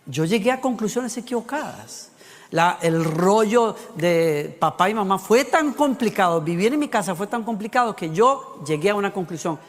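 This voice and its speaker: A man preaching a sermon, telling stories with lively acted asides. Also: high voice, moderate pace. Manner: animated storytelling with acted asides. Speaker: pastor. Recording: long hall reverb.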